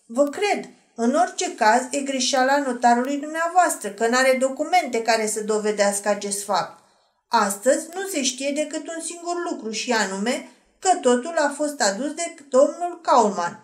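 Woman doing hoarse smug nobleman, storybook figure, lazy mocking manner, roomy sound. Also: high-pitched, lively intonation. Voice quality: slightly hoarse. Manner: lazy, self-assured, mocking. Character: smug elegant nobleman, self-assured and mocking. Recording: roomy echo.

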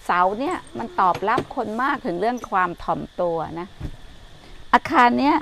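An older woman gives a gentle Buddhist talk as she walks through a garden. She speaks in a soft, motherly way and calls her listeners her children. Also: on the high side, expressive, moderate pace. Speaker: Buddhist teacher giving a garden tour. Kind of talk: gentle dharma talk while walking. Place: outdoor garden.

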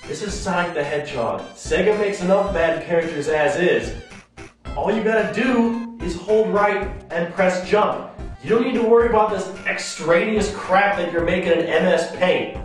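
A man's voice: sits high, moderate pace, recorded from a distance, faint music behind. Sarcastic ranting man, echoey room. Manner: sarcastic, exasperated, swears. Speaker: web show host. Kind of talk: comedic rant reading fan mail.

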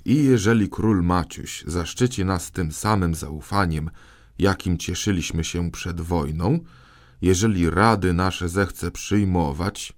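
A man's voice: sits low, slow. A man voicing a self-assured prime minister who praises his own cabinet in a persuasive tone.

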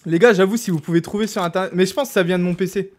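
Chatty high-voiced young French gamer. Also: male voice, racing. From France. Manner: chatty, animated, jokey, exclaims loudly. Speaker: gaming streamer. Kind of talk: casual gameplay commentary. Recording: faint background noise.

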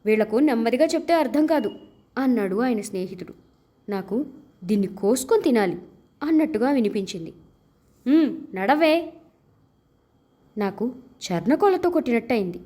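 A woman narrating a literary short story as an audiobook in an expressive, measured storytelling manner, giving the characters' dialogue its own voices. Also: high-pitched.

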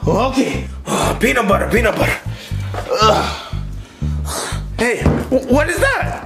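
A man's voice: very high voice, huge pitch swings, slow, gravelly, full character voice. Man doing a flustered whiny chef. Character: bumbling hot-tempered adult male chef. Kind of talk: puppet comedy skit acting. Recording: roomy echo, faint music.

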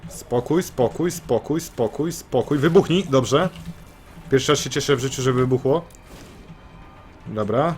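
A man giving excitable let's-play commentary, swearing and repeating phrases in bursts. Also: mid-range voice, unhurried, long pauses, soft background music. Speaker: gameplay commentator.

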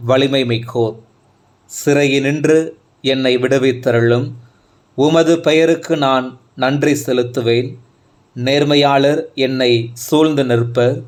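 A man reading psalms aloud in a calm, reverent, evenly paced scripture reading. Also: mid-range voice. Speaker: scripture reader. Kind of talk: slow, measured scripture reading.

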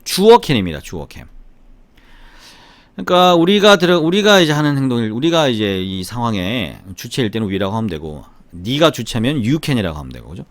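Lively Korean man teaching grammar. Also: mid-range voice, moderate pace, dry recording. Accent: slight Gyeongsang Korean, mostly Seoul-like. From Gyeongsang, South Korea. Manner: lively, chatty, often asks "right?". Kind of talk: grammar lesson with repeat-after-me drills.

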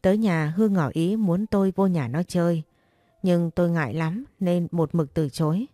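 A woman's voice: lowish voice, moderate pace, dark tone, dry recording, clean studio sound. A woman reading a first-person short story aloud as a storyteller, voicing the characters' lines in her own voice. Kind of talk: scripted first-person narration.

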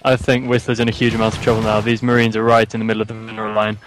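A man's voice: lowish voice, completely flat delivery, racing, noisy background. Male co-caster on a robotic, glitchy call line. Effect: robotic, glitchy voice call audio. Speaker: esports co-caster. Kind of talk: live game commentary.

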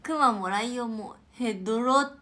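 A young woman hosting a casual livestream and reading out viewer comments, with a chatty, playful manner and soft whispered asides. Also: on the high side, normal speed. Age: young adult.

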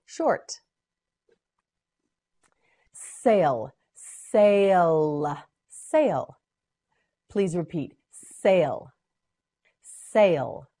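Very slow woman drilling single words. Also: deep voice, a little mellow, breathy edge. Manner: repeats each word several times, short prompts to repeat. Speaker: pronunciation teacher. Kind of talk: slow word-by-word drill for learners.

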